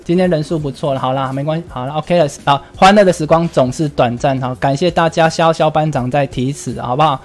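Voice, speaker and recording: A livestream host with a Taiwanese Mandarin accent chats casually, ranting bluntly and swearing freely as he answers viewers' comments. His voice is fairly high and a little fast, with few pauses.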